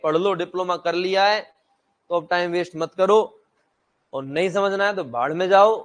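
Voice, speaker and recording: A man with a very high voice lectures a class. He talks bluntly and half-jokingly, scolds his students and keeps asking them questions that he answers himself. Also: normal speed. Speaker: teacher.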